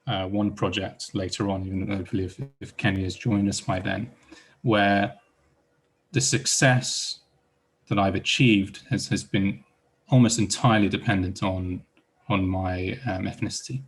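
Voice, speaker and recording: A psychologist from Iran addresses a panel, his speech hesitant and full of restarts and repeated words. He has a low, slightly breathy voice, a moderate pace, and mostly even intonation.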